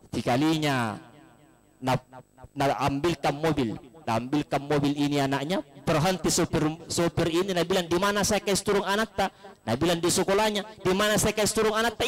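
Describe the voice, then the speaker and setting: High-voiced joking preacher. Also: male voice, rough recording. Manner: storytelling with jokes and voiced quotes, leaps up for emphasis. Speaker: Islamic preacher. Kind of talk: humorous sermon at a condolence gathering. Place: live gathering in a home, broadcast on radio.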